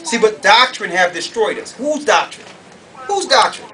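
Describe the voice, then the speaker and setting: Speaking at an ordinary pace in a high, animated voice, a man delivers a heated doctrinal sermon to a crowd, hammering home points with rhetorical questions. He is a preacher at a conference, recorded from afar in a hall with noisy ambience.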